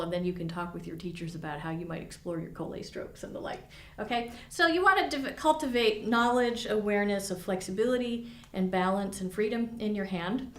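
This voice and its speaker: Woman viola teacher, mid-pitched, encouraging and descriptive, roomy studio sound. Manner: encouraging, explains with imagery. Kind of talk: instructional lesson with demonstration. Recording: echoey room.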